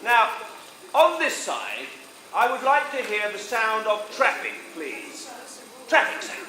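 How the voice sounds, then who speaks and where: An actor playing a pompous English gentleman detective on stage with an English accent, theatrically coaxing a live audience to join in. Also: high voice, wildly swooping pitch, takes it slowly, exaggerated voice. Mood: playful. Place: large indoor sports hall. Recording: echoey hall, loud audience noise. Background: noisy crowd of children.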